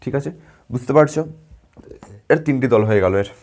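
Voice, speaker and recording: A man's voice: mid-range voice, darkish tone. A man from West Bengal teaching a grammar lesson, patiently repeating words, sounding them out syllable by syllable and asking his students questions. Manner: drawn-out syllable-by-syllable pronunciation.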